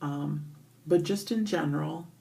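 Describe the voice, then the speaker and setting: Echoey bathroom sound, middle-aged woman, low creaky voice, casual vlog chat, hesitant, thinking aloud. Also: measured pace, dark tone. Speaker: vlogger. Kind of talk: casual chit-chat to camera. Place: indoors, in a bathroom.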